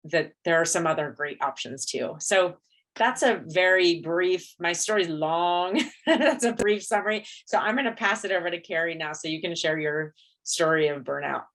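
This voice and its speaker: A middle-aged woman who works as a dentist gives a candid, reflective conference talk. Her voice is lowish with a fairly bright tone.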